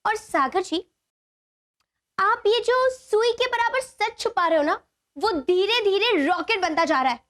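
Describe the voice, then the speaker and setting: A teasing young wife. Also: female voice, extremely high pitch, lively intonation, unhurried, fairly bright tone, full character voice. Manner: playful, teasing. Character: Mahi, young small-town wife, teasing. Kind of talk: TV serial acting.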